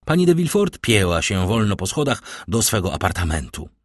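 A man narrating an audiobook with an animated, theatrical delivery. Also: lowish voice, fairly quick. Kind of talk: dramatic audiobook reading.

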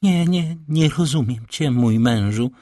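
A man's voice: fairly low pitch, very animated, normal speed, a little mellow, husky, no room sound, clean studio sound. A man reading an audiobook, voicing a frightened wife accused of poisoning, pleading and trembling. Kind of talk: audiobook character voice.

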